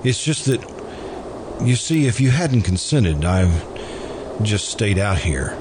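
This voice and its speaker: In an old-time American radio drama, a male actor portrays a mild, courteous, lovelorn murderer, speaking in a polite, calm and halting way that is deferential yet quietly stubborn. His lowish voice swings widely in pitch, and the amateur recording has clearly noisy background sound.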